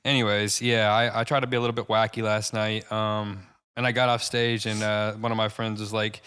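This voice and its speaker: Young male podcast co-host, crisp and clear, loose and rambling, fillers everywhere, echoey room. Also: lowish voice, little pitch movement, fairly quick, fairly bright tone. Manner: rambling, many fillers and restarts, laughs at own jokes. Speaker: podcast co-host and stand-up comic. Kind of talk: casual chat.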